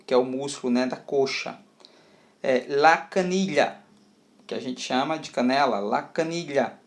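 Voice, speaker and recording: A man teaching a video lesson, explaining patiently and checking in often. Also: on the high side. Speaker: Spanish teacher.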